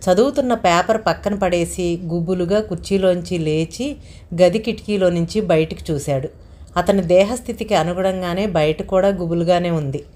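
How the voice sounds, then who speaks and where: Woman storyteller narrating a family tale. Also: fairly low pitch. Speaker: storyteller host.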